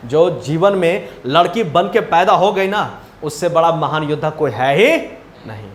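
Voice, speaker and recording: A man's voice: a little high, expressive, a little slow, reverberant, slight background noise. A man teaching a class, retelling a story in a chatty way and often asking whether the students follow. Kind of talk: storytelling lesson retelling a chapter.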